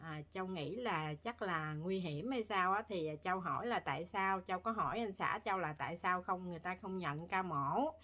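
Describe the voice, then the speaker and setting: Bright-voiced woman rambling to viewers. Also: fairly low pitch, moderate pace, hardly any pauses. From Vietnam. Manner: rambling with many fillers and restarts. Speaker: vlogger. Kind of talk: casual chat to viewers. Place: home in Korea.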